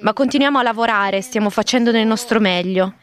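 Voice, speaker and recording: A woman's voice: a little high, fairly quick. A woman reading the translated voice-over of an interview for a radio news programme.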